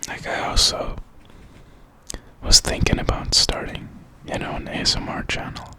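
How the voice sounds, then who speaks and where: A man giving a whispered pep talk in ASMR style, speaking in a breathy, unvoiced whisper with an encouraging, reflective manner. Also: normal speed. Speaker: ASMR creator.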